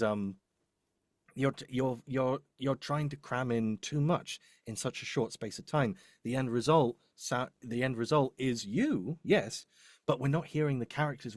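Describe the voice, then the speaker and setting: In live, unscripted coaching, a demo producer talks in a medium-pitched, slightly mellow voice. The audio is clean studio sound with no room sound, and he repeats his advice emphatically, punctuating it with frequent "right?"s.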